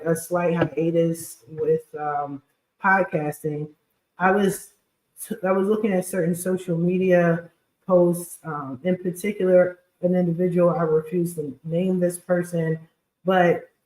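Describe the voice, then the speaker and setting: A podcast host who also works as a credit repair specialist runs a casual, chatty livestream in a lowish, scratchy voice. Her talk is blunt, slangy and informal, and the room sounds echoey.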